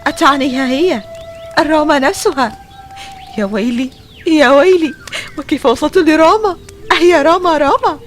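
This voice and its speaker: A woman's voice: high-pitched, normal speed, pauses often, soft background music, close to an everyday voice. A woman in her twenties playing a puzzled modern young woman lost among ancient Romans in an audio drama. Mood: bewildered. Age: 20s. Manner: puzzled, questioning.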